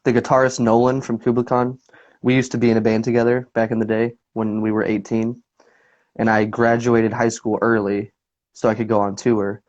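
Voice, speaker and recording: A man's voice: medium pitch, level tone, normal speed, darkish tone. A young man chats loosely as a guest, leaning on fillers and restarts as he tells his stories. His voice sits mid-range and comes through a dull, lo-fi call line. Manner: laid-back, rambling storyteller with lots of fillers. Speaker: guest musician. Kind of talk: casual interview chat.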